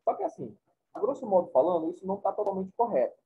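A man's voice: high-pitched, sing-song, quick pace, slight background noise. A man teaching a class, explaining points informally and often checking in with his students. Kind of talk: classroom lecture. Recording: tinny phone-like recording.

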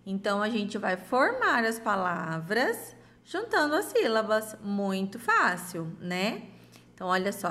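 A woman leads a lesson for young children, her voice sitting at an ordinary middle pitch. She talks very slowly and sounds out each syllable with care. Her tone stays affectionate throughout, and she keeps checking in with the class. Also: fairly bright tone. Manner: affectionate and sing-song, with diminutives and frequent "ok?" check-ins. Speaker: primary school teacher. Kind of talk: slow, gentle remote lesson for young children.

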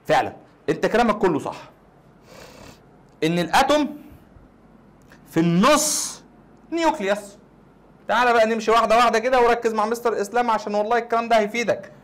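A man's voice: high-pitched, fast, pauses often. A young man with an Egyptian Arabic accent, a chemistry teacher explaining casually, quizzing the listener and answering his own questions.

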